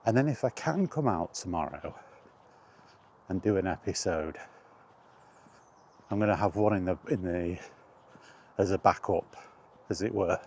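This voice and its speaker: Out on a walk, a man hosting a walk-and-talk retro gaming vlog rambles casually in a low, mellow voice. He thinks aloud in short, unhurried phrases, with some outdoor noise around him.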